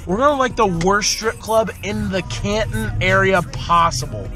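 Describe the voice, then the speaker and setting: A man's voice: high voice, lively intonation, measured pace. A man in his thirties, drunk and chatting casually into a vlog camera as a crude, boisterous party animal. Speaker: vlogger. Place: nights out in cars, bars and a house. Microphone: handheld camera at arm's length. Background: music.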